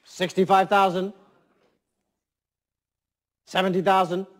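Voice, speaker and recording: A man's voice: sits high, level tone, slow. A man working as a fine art auctioneer, calling bids and repeating prices in a polished, courteous patter to a saleroom. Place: saleroom with seated bidders and phone lines.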